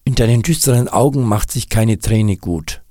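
A man's voice: lowish voice, normal speed, mellow, dry recording, studio quality, pitched above the performer's own voice, close to an everyday voice. A man doing a jokey, easygoing snowman. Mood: teasing. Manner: jokey and reassuring. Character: teasing, easygoing snowman friend. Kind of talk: storybook reading.

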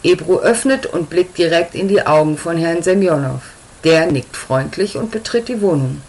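A woman narrating a story in a calm, even reading voice. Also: lowish voice, moderate pace, rough recording.

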